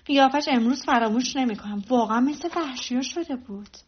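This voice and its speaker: A woman's voice: high voice, breathy edge. A woman voicing a gossiping, disdainful married lady in a storybook reading. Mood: gossipy. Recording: dull lo-fi recording.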